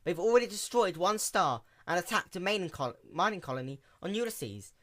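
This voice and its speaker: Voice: mid-range voice, animated, fairly quick, fairly bright tone, pitched above the performer's own voice, lightly acted. A narrator voicing an earnest, verbose pony who gives grave, hammy explanations. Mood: grave urgency.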